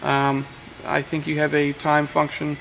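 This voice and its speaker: A man whose voice sits somewhat high and sounds gravelly walks through a control panel one step at a time, his tone flat and matter-of-fact with plenty of "uh" fillers. He's a welding equipment technician doing a hands-on demonstration beside a welding machine, and a camera mic catches faint machine-shop noise in the workshop. The recording is low quality and the pace is a little slow.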